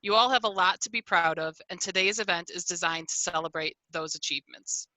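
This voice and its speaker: A woman's voice: on the low side, a little fast, bright, forceful tone, dry recording, low-quality recording. A woman hosting a virtual commencement on a video call, reading a formal, earnest welcome with small restarts. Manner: earnest, reads prepared remarks with small restarts. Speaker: ceremony host.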